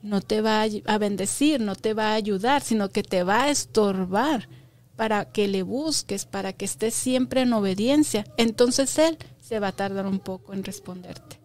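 A woman's voice: mid-range voice, moderate pace, a little mellow. A woman teaching a Bible lesson to children, patiently asking them questions and stressing key words by repeating them.

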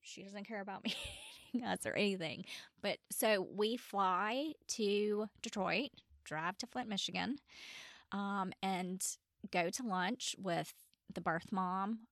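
A woman's voice: medium pitch, dry recording, studio quality. A woman, a podcast guest telling her story casually and acting out quoted dialogue. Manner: chatty, quotes others in lively retold dialogue.

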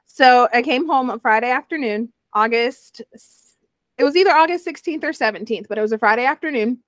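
A young woman talks a little fast in a slightly high voice as a guest in a casual interview, sharing a personal story. She's animated, imitating the voices of those she quotes, and the audio is free of echo.

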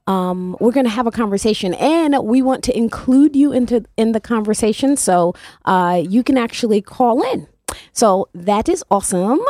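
A woman hosts a morning talk show on community radio, rambling a little with frequent fillers as she welcomes listeners. Her voice sits at an average pitch. The studio sound is close and dry. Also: mellow, no room sound. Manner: chatty, with many fillers and restarts.

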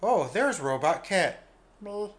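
A man hamming up a silly talking robot, speaking slowly and flatly with beeps and bloops. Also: high voice, voice pushed up, heavily acted. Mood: robotic. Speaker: podcast co-host. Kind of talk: casual chat.

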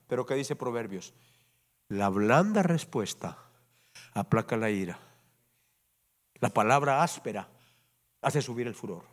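A pastor preaching a sermon to his congregation in church, animated and often asking them to agree. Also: on the high side. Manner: animated preaching, constantly asks the congregation "¿verdad?". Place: church service before a congregation.

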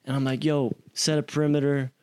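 Animated young man telling a story. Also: mid-range voice, fairly quick, smooth. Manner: animated, acts out quotes with swearing and slang. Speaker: interview guest. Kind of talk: casual storytelling.

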